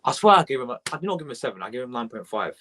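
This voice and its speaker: A young man, rambling excitably as he reacts live to a match and chats with viewers. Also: medium pitch, very fast, a little hiss or hum. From England. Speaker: fan channel host.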